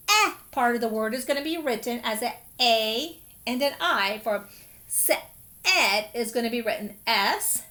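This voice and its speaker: A woman teacher giving a remote phonics lesson to young children, slowly and clearly sounding out letters and encouraging them. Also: a little high, pushed and bright. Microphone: webcam.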